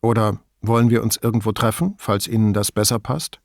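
A man reading an audiobook, voicing a calm, polite middle-aged male police commissioner in a measured way. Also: lowish voice, creaky, no room sound, studio quality. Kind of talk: audiobook dialogue.

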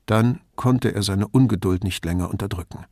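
A man's voice: on the low side, moderate pace, darkish tone, dry recording, studio quality. A man reading a novel aloud as scripted narration. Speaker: audiobook narrator.

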